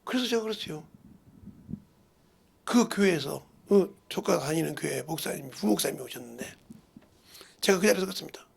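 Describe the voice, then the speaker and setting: Gravelly, husky preacher with swinging pitch. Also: male voice, animated, fairly quick, pauses often. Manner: swings from hushed murmurs to loud cries, acting out relatives' words. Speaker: pastor. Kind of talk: sermon with told stories.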